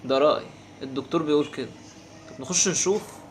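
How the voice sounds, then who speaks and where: Fast-talking Egyptian man narrating gameplay. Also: on the high side, slight background noise. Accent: Egyptian Arabic. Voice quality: quick, animated, exasperated banter. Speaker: gaming channel host. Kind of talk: casual gameplay commentary.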